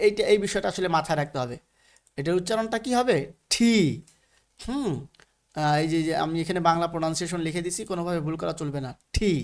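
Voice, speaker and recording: A man with a Bangladeshi Bengali accent teaching English letter sounds in a recorded lesson, patiently repeating each letter with frequent fillers. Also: a little high.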